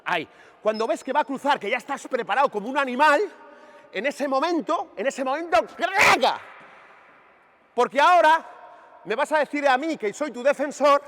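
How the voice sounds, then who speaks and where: A man coaching basketball players on court, animated and emphatic, firing questions at them as he demonstrates. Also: very high voice. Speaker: basketball coach running a clinic. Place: large indoor sports hall. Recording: reverberant gym recorded from a distance.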